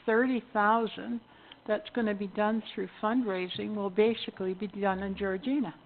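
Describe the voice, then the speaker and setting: A woman's voice: medium pitch, fairly even intonation, normal speed. Woman, Canadian accent, mayor, questioning, works through numbers, tinny phone-like sound, faint room noise. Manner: questioning, spells out figures. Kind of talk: council meeting discussion.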